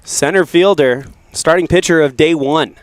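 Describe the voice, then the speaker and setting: A man calling a baseball game for local radio from outdoors beside a tent. He counts balls and strikes in an even, practiced rhythm. On big hits his voice climbs and gets louder. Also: moderate pace. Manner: calls pitches steadily, rising to excited bursts on big hits. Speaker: play-by-play announcer.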